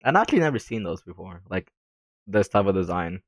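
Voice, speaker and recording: A man's voice: sits low, big pitch swings, fairly quick, dry recording, studio quality. A young man reading a visual novel aloud into a desk mic, adding rambling, self-deprecating comments and frequent giggles. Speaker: let's play gamer.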